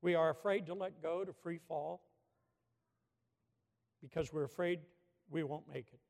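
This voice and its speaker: A man preaching a sermon in a church, telling a story with animated swings from hushed to shouting. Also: fairly high pitch, measured pace, creaky. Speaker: pastor. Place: church sanctuary with a balcony. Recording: long hall reverb from a church.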